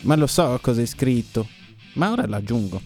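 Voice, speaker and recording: A man's voice: mid-range voice, lively intonation, normal speed, darkish tone, soft background music. A young man co-hosting a casual podcast, joking and doing mock-serious impressions. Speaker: podcast co-host. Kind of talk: casual chat.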